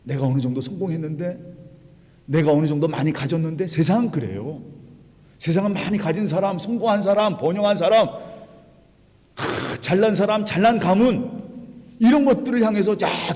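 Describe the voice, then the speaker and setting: A male pastor preaches with emphasis, firing rhetorical questions at his congregation. His voice sits fairly high. It rings out in a church sanctuary with a long reverb tail. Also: animated, brisk, a little mellow. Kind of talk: sermon.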